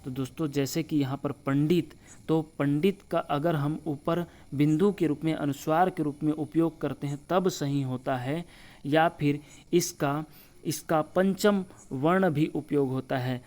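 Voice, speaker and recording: A man teaching a spelling lesson over slides, slowly spelling out letters and often reminding viewers to remember. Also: fairly high pitch, darkish tone. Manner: repeats the word for friends and reminds viewers to remember; slow deliberate spelling-out of letters. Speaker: Hindi teacher.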